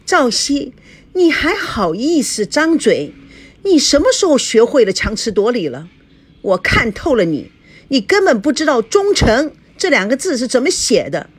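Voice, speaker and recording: A woman voicing a furious, betrayed young wife who talks in a shrill, cutting, accusing way, reading a storybook. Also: very animated, normal speed, husky, heavily acted.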